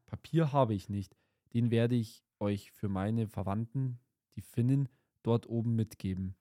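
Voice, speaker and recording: A kindly old woman from a storybook's far north, motherly and pitying, as a man reads her. The voice is dark and mellow, close to his own. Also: fairly low pitch, measured pace, no echo, close to an everyday voice.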